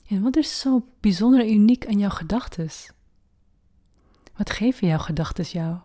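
A woman guides a meditation in a slow, gentle way, leaving long pauses. Her soft, medium-pitched voice is expressive and frequently drops into a breathy near-whisper.

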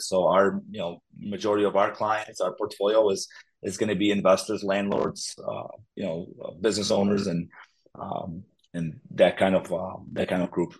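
A Polish man in his thirties, working as a public adjuster, appears as a guest in a casual interview, laughing easily and using many fillers. His voice is on the low side and slightly rough, and the audio quality is poor.

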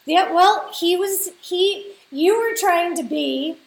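A woman hosts a podcast interview, speaking slowly and casually in a high voice with a gravelly edge. She laughs readily. Her voice rings in a roomy space with a faint hiss underneath. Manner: slow and relaxed, laughs easily. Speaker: podcast host.

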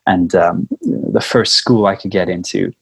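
A South African man telling his life story in a relaxed conversational interview, speaking over a video call with a warm storytelling manner and frequent chuckles. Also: deep voice, unhurried, creaky, husky, no room sound. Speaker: lead singer, interview guest.

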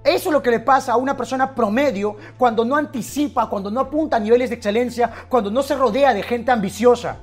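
A man giving an impassioned motivational speech, swinging between loud bursts and hushed, intense lines. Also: very high voice, quick pace, few pauses, soft background music. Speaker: motivational speaker.

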